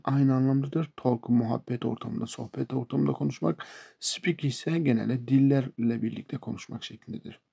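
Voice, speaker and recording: Turkish-accented male English teacher, patient and repetitive, gravelly and husky. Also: mid-range voice, a little mellow. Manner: slow, repeats words and example sentences. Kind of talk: explaining English verbs to beginners.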